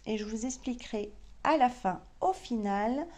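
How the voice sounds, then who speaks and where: A woman's voice: a little high, measured pace, mellow. A woman with a French accent chatting casually to camera about her sewing, thinking aloud with many hesitations. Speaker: sewing vlogger.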